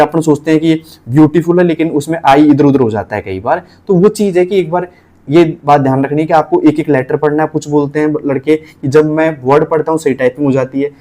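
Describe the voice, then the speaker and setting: Rajasthani guy explaining typing, casual, goes over stuff again and again, voice a bit high. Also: dark tone. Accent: Rajasthani Hindi. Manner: repeats points, spells letters out slowly. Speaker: typing tutor. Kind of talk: casual teaching.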